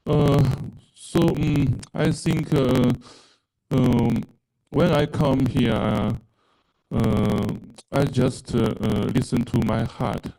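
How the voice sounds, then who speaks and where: A man from China gives a halting, earnest testimonial about his time in a spiritual program. His voice is low in brightness and gravelly with fry, and he speaks very slowly, pausing often on fillers. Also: steady tone, low-quality recording. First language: Mandarin Chinese. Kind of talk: personal testimonial.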